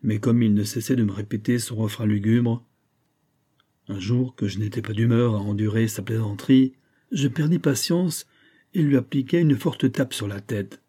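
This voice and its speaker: A man's voice: mid-range voice, steady tone, moderate pace, dark tone, breathy edge, natural voice. A man reading the part of a grieving old gunsmith who confides his sorrow in an emotional, storytelling way. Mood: sorrowful. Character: grieving old Genevan gunsmith, tender, despairing.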